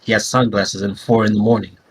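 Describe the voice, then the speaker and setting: Blunt lower-voiced man at a tabletop game. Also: little pitch movement, fairly quick, husky, low-quality recording. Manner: blunt, swears casually. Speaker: player.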